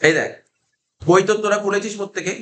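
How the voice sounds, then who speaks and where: A man with a Kolkata Bengali accent teaches a class, his voice pitched high for a man. He keeps repeating key terms and firing questions back at the students. The room around him is echoey. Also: steady tone, quick pace, a bit bright. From India. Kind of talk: classroom lecture.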